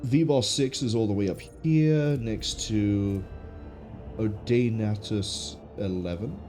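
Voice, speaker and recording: Low male voice, stuffy nose, casual game commentary, thinking aloud, clear music behind. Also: takes it slowly, dark tone. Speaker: game streamer.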